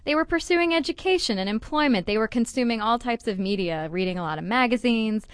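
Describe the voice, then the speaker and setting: A woman co-hosting a casual chat, explaining in a lively, conversational way with everyday slang. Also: fairly high pitch, fairly quick, clear, resonant tone, dry recording, studio quality. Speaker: podcast co-host.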